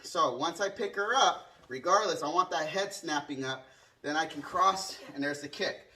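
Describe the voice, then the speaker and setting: A man's voice: fairly high pitch, moderate pace, pushed and bright. A man working as a martial arts instructor, explaining a hands-on demonstration casually and punctuating it with short counts and strike sounds. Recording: distant microphone.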